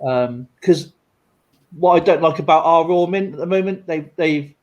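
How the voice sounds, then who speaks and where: A man's voice: a little high, moderate pace, dull audio. Rambling man chatting casually. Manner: rambling, many fillers and restarts. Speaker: streamer and coin collector. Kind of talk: casual live-stream chat.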